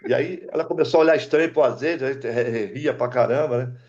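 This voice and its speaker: A man's voice: mid-range voice, fast, dull audio. An older man from Brazil, an aircraft mechanic guest, telling stories in casual chat and acting out the dialogue. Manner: animated, acts out dialogue in the story. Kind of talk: casual storytelling.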